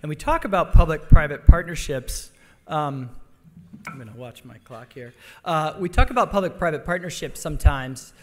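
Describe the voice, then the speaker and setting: A man's voice: fairly high pitch, lively intonation, background noise. Man giving a luncheon talk in a hall. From Denver, Colorado. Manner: halting, many restarts and fillers. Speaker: conference speaker. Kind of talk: luncheon speech with jokes. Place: large conference hall. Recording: long hall reverb.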